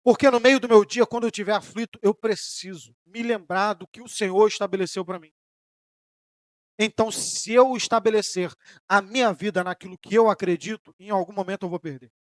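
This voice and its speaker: A Brazilian man preaching a sermon as pastor, rising in emphatic bursts and then dropping soft, sometimes voicing the questions of his listeners. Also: sits high, brisk, no room sound, studio quality. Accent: Brazilian Portuguese. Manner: preaching with emphatic rises and sudden soft drops; voices imagined questions from listeners.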